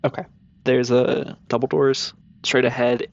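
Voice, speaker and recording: A man's voice: mid-range voice, flat delivery, unhurried, gravelly, muffled recording. A man playing a comedic tabletop game, cautious and curious, asking the game master one question after another. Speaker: player.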